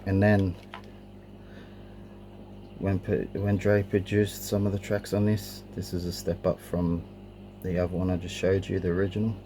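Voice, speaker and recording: Speaking in a low monotone at a moderate pace, a middle-aged collector gives an informal, unscripted tour of his cassettes. There's slight hesitance in his manner, and the home video recording is clearly noisy.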